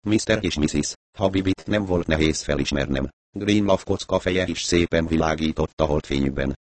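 Narrator for a crime audiobook: a man with a very low, measured voice, dry and close. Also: no echo.

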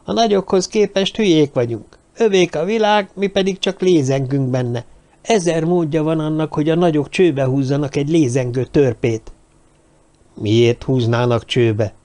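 A man voicing a small, sullen dwarf who hisses his words slowly. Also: on the high side, dark tone, close to an everyday voice. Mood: sullen, bitter. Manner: hissing, drawn-out.

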